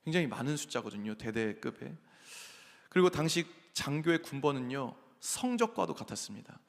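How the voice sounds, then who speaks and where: A man's voice: mid-range voice, big pitch swings, brisk, gravelly. A man in his thirties preaching a sermon, telling a personal story earnestly and acting out quoted lines. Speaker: pastor. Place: large church sanctuary. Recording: echoey sanctuary with long reverb.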